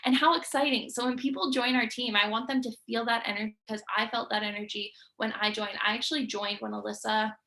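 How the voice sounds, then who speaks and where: A woman's voice: a little high, steady tone, a little fast, hardly any pauses, bright, forceful tone. A young woman giving an earnest, emphatic motivational talk to her sales team. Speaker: team leader.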